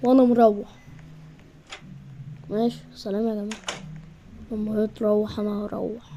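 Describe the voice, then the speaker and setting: A woman's voice: mid-range voice, little pitch movement, a little fast, warm tone, a little hiss or hum. A young woman with an Egyptian Arabic accent, playfully acting out bickering characters in a game and switching between voices. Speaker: gamer.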